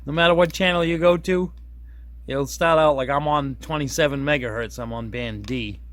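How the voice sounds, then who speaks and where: A radio gets a casual, hands-on demonstration from a product reviewer whose voice is a little high, a bit bright, and moderately paced. He's folksy and self-deprecating, unscripted, often wandering off and fixing what he said. The recording is dry.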